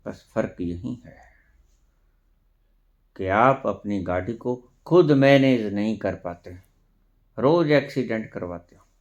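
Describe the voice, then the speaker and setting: An Indian spiritual teacher delivers a discourse, his voice fairly low and darkish on a lo-fi recording. He preaches emphatically, poses rhetorical questions, and slips in English phrases.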